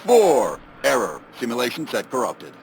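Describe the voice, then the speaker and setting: An actor playing a malfunctioning male robot terminal in a video game that glitches, stutters error messages and drops suddenly in pitch. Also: wildly swooping pitch, normal speed, a little hiss or hum, rough recording. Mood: glitching. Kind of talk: video game character dialogue.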